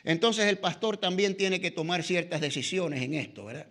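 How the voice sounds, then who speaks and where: High-voiced man teaching a Bible class. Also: normal speed, a bit bright. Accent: Latin American Spanish. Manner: conversational, frequent "¿verdad?" and "¿no?" tags, filler "eh". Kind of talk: church discipleship class.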